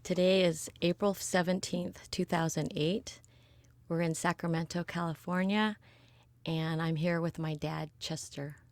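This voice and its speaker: A woman in her forties interviewing her father for an oral history recording, prompting him in a gentle, measured way. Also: fairly low pitch, fairly even intonation, no room sound. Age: 40s. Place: quiet recording booth.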